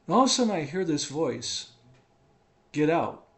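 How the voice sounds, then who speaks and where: A man's voice: fairly high pitch, sing-song, quick pace, gravelly, a bit bright. A man in a home living room, casually telling a personal testimony, rambling and checking in with "right?" and "okay?".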